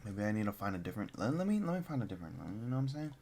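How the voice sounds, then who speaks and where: A man's voice: lowish voice, very animated, very fast, darkish tone. A man reacting to comedy clips with blunt, profane, scoffing commentary. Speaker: reaction streamer.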